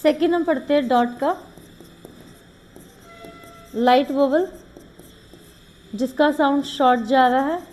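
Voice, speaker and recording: A woman's voice: high-pitched, slow, long pauses, a little mellow, a little hiss or hum. A woman teaching shorthand, explaining rules step by step and mixing English terms into Hindi. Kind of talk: classroom lesson.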